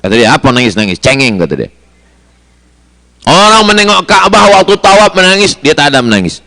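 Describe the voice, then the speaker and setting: A man's voice: high voice, wildly swooping pitch, brisk, creaky, bright, forceful tone. A man preaching a sermon to pilgrims, mixing storytelling with chanted Arabic phrases and rising, emphatic lists. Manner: chanting Arabic phrases in a sing-song melody.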